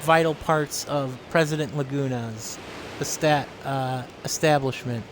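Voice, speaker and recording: A man's voice: medium pitch, a little slow, noisy background. A man casually commenting while streaming a video game, rambling and thinking aloud. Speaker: let's-play streamer.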